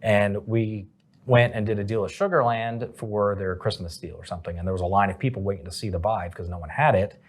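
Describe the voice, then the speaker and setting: A man's voice: lowish voice, steady tone, fairly quick. A man, a company president, answering interview questions in a casual, rambling way with many fillers.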